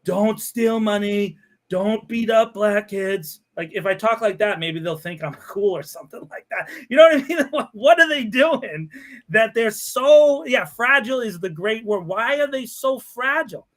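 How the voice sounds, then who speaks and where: A man hosting a podcast, ranting in a sarcastic, animated way with frequent laughter. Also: extremely high pitch, moderate pace. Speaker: podcast host. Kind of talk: casual podcast chat.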